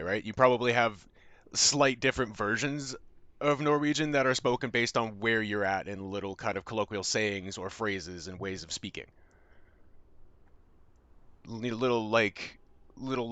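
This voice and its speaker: A young Canadian man with a Canadian accent chats loosely with his stream viewers while gaming, rambling with plenty of fillers and casual swearing. His voice is medium-pitched and fairly bright, at normal speed with no echo.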